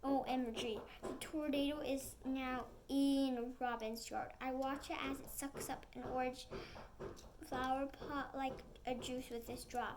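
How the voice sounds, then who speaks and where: A woman's voice: sits high, level tone, unhurried, noisy background. A woman reading a chapter book aloud, with small slips and acted sound effects. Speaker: storybook reader.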